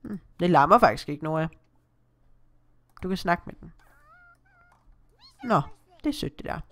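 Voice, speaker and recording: A woman's voice: on the low side, animated. Chatty Danish woman narrating her gameplay. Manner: chatty, exclaims and gasps often. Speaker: Let's Play gamer. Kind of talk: casual gameplay commentary.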